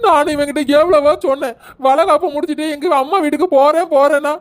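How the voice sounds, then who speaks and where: A woman's voice: high-pitched, fairly even intonation, fast, close to an everyday voice. A woman with a Kanyakumari Tamil accent playing a young pregnant wife in labour who wails, groans and bickers sharply in a family comedy skit. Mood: sharp, whiny.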